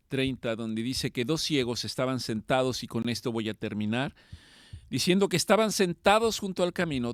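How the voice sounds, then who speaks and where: A man preaching a sermon, swinging between loud pleading and quiet, slow passages. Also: high voice, dry recording, clean studio sound.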